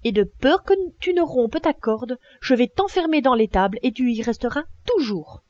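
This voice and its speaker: A woman's voice: fairly high pitch, lively intonation, normal speed, darkish tone, dry recording, dull audio, lightly acted. A woman playing an older male farmer who is worried about his goat and scolds it anxiously.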